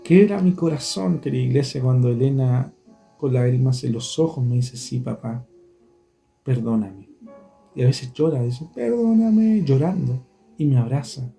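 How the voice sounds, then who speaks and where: A man's voice: mid-range voice, moderate pace, creaky, warm tone, faint music behind. A man preaching a sermon as pastor. He speaks earnestly and keeps turning back to address the congregation directly.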